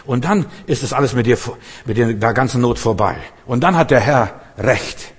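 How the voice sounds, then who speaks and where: A man preaching a fervent sermon, talking straight to the listener, swinging from loud outbursts to low murmurs. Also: expressive, moderate pace, slightly rough. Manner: addresses listener directly with questions.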